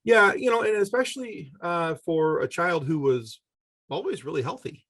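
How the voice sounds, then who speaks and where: Clean studio sound with no room sound captures a middle-aged man's slightly high, animated, fairly bright voice. As a podcast guest telling a personal story, he keeps it conversational but halting, often stopping to self-correct.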